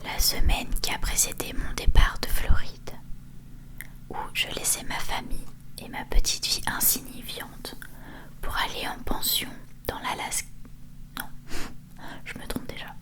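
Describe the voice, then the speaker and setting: A woman doing a whispered ASMR book reading in a soft, hushed library whisper, close to the microphone, sometimes correcting herself. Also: measured pace, pauses often. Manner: hushed storytelling with self-corrections. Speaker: ASMR host reading a novel aloud.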